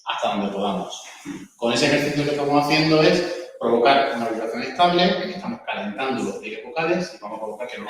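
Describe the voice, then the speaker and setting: A man teaching a communication workshop, explaining and demonstrating voice exercises and checking in with "¿vale?". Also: mid-range voice. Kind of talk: lecture with vocal demonstrations. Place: lecture room. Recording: echoey room, voice from far off.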